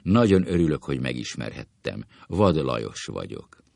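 A man's voice: low voice, animated, a bit bright, no room sound, studio quality. A man doing a menacingly polite husband. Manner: slow, emphatic courtesy.

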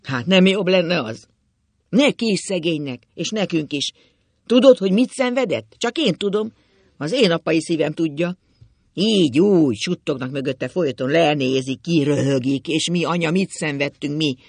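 A man voicing a bitter, agitated middle-aged father who shouts at his wife in a shrill, cracking voice. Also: few pauses, dry recording.

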